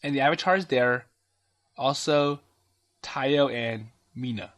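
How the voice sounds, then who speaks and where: A man's voice: medium pitch, measured pace, a bit bright. A man casually commenting on a story game, hesitantly summarizing and paraphrasing the dialogue with many fillers. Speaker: let's play commentator. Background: game music.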